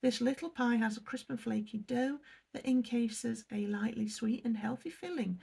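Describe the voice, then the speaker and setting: Unboxing a snack box, this English vlogger keeps up a casual chat, reads out the product descriptions, and says sorry for her pronunciation. She talks at normal speed in a warm, slightly rough, higher-leaning voice with vocal fry.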